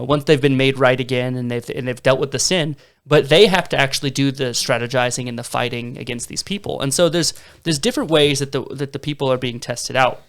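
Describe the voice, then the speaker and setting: A man's voice: medium pitch, a bit bright. A young man in his twenties co-hosting a casual Bible discussion podcast, telling the story eagerly with some fillers. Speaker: podcast co-host.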